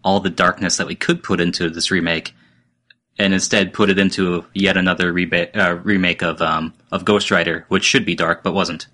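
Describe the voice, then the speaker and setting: A man on a casual podcast panel with a very low voice that has a bright edge. He chimes in with quick, agreeable quips. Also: flat delivery.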